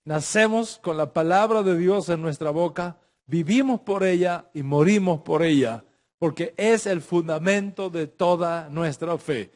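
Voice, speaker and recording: A man's voice: fairly high pitch, a little slow, darkish tone. A middle-aged man teaching a religious class, emphatic, repeating phrases and restarting his sentences. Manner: speaks in Spanish with Hebrew religious terms.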